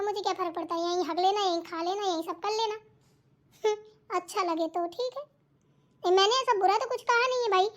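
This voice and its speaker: A woman's voice: very high-pitched, a bit bright. A woman voicing a preachy young daughter-in-law. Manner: nagging, preachy, defensive. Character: young daughter-in-law, educated, calm but needling. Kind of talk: cartoon voice acting.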